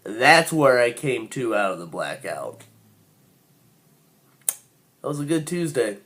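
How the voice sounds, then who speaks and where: A man's voice: mid-range voice, very animated, takes it slowly, fairly bright tone. A young man telling a rambling, crude personal anecdote and laughing often as he goes. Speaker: storyteller.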